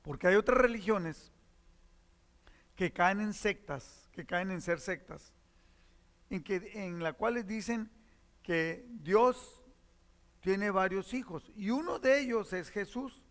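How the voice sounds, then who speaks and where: A man's voice: high-pitched, takes it slowly, long pauses, in a large hall. A man preaching a sermon as pastor, reading verses and explaining them, repeating key phrases to teach.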